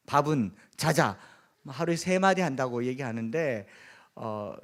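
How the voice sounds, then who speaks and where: A middle-aged man from the Gyeongsang region, a pastor with a Gyeongsang Korean accent, preaching a sermon earnestly with humorous asides. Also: medium pitch. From Gyeongsang region, South Korea.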